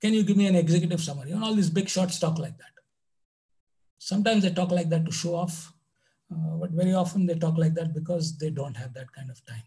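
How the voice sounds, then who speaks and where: A man's voice: on the high side, brisk, mellow, poor audio. A man giving a conversational online math lecture, full of "you know" asides. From India.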